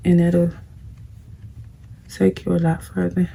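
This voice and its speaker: In a laid-back get-ready-with-me video, a young vlogger applies makeup and lectures her audience directly in a blunt, preachy way. She speaks slowly in a monotone, her fairly low voice scratchy and husky with vocal fry and a warm tone.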